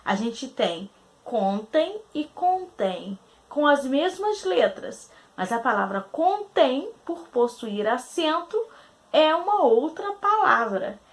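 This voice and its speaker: A woman teacher from Brazil going through quiz answers, asking questions aloud, answering them herself and spelling out syllables slowly. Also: sits high, very animated. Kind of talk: recorded grammar lesson.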